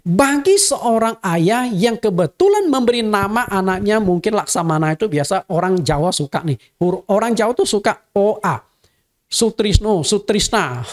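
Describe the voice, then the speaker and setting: A middle-aged man preaching as a senior pastor, teaching in an online sermon and often checking in with his listeners. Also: high voice. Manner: animated, rhetorical, checks in with the listener.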